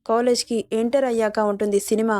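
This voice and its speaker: A woman's voice: fairly high pitch, level tone, brisk, a little mellow, no room sound, studio quality, lightly acted. A woman voicing an arrogant young man who taunts and threatens, in her own reading voice. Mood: taunting. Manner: mocking, threatening, smug. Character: arrogant, taunting young male college bully.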